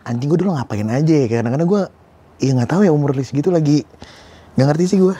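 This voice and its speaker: Casting: man, late 20s, quick rambling delivery, candid and self-critical. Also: on the high side, dark tone, husky. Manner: fast, rambling, self-critical, informal slang. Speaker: guest. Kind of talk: casual candid conversation.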